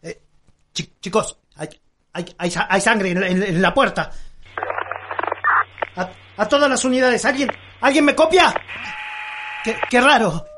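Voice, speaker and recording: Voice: medium pitch, a little slow, long pauses, noisy background, close to an everyday voice. An actor playing a scared police officer who stammers and stumbles over words in a radio drama. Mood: nervous. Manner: stammering, shaky.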